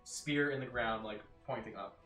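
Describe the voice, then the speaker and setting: A man's voice: mid-range voice, moderate pace, a bit bright. A man running a tabletop game as game master, narrating casually. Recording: roomy, distant mic, music behind.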